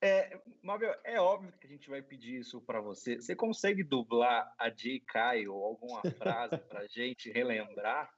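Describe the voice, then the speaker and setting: Slow-talking Brazilian podcast host. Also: male voice, mid-range voice, animated, breathy edge, lo-fi sound. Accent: Brazilian Portuguese. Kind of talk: casual interview.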